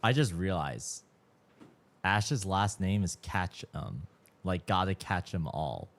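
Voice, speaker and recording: A man's voice: sits low, expressive, slow pace, a bit bright. A man in his mid twenties, chatting casually as a livestream host, slangy and swearing freely, sounding tired. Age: 20s. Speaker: streamer.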